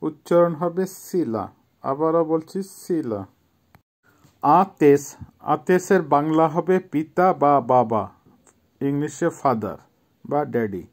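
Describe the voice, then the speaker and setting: Man, 50s, from Bangladesh, slightly high voice, slow and patient, repeats every word like a teacher. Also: lively intonation. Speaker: language teacher. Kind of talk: vocabulary lesson.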